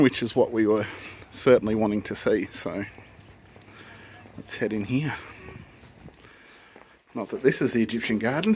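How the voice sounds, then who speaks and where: A man's voice: mid-range voice, a little hiss or hum. Man narrating a garden walk outdoors. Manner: relaxed, chatty, narrating as he walks. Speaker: travel vlogger. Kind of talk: casual walking commentary. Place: outdoors in large public gardens.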